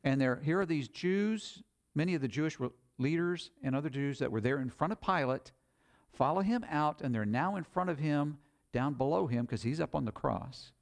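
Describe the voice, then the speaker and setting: A man's voice: a little high, expressive, normal speed, vocal fry. A man preaching a sermon, retelling scripture in plain, conversational paraphrase.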